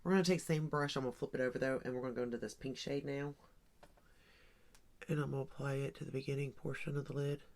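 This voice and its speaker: A beauty vlogger in her forties, with an extremely low, slightly mellow voice, talks fast and fairly evenly during a casual get-ready-with-me makeup chat. She rambles and thinks aloud, using lots of ums and likes.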